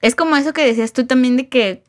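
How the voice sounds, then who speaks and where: A woman with a Mexican Spanish accent talks through musical ideas in a relaxed podcast chat. She explains patiently, leans on fillers, and laughs easily. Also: high voice, fast.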